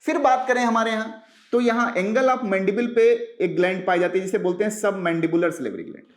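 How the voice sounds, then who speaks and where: A biology teacher with a noticeably high-pitched voice gives an exam-prep lecture, firing off quick rhetorical questions and answering them himself. He slowly repeats key terms and uses English science vocabulary. The room is roomy, with clear echo off the walls.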